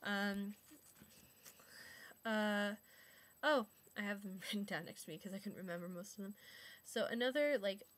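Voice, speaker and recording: A young woman from Montreal talks to the camera in a loose, chatty vlog style. She fills her sentences with "um" and "like" and slips in dry, sarcastic asides. Her voice sits at a middling pitch. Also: moderate pace, pauses often, fairly bright tone. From Montreal, Quebec. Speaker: vlogger. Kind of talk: casual chat to camera.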